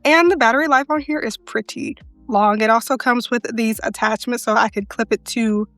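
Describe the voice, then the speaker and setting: Holding a handheld wireless mic, a soft-voiced content creator chats straight to the viewer while touring the filming setup in her living room for a casual vlog. Her pitch is fairly high and her pace moderate. The close mic is dry with no echo, and faint music plays underneath.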